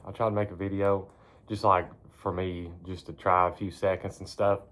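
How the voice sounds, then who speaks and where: A man with a deep, low voice talks casually to a phone propped up in a barn. He is laid-back and folksy, rambling along and cursing offhand like he is catching up with regular viewers. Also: level tone, moderate pace, a bit bright. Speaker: vlogger. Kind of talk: casual rambling chat to camera.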